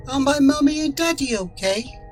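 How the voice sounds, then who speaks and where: A man's voice: very high-pitched, animated, normal speed, faint music behind, pitched above the performer's own voice. A man voicing a frightened four-year-old boy who speaks in a pleading, childlike way. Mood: worried. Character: small scared boy, about four.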